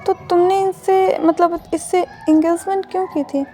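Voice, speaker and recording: A woman's voice: very high-pitched, fairly even intonation, unhurried, warm tone, soft background music, voice pushed up. A woman voicing a flustered young man in love in a told fan-fiction story. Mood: shocked.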